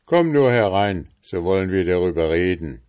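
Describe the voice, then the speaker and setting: A man voicing a scheming old king in a storybook reading, speaking in a measured, commanding way. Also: sits low, expressive, a little mellow. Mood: sly.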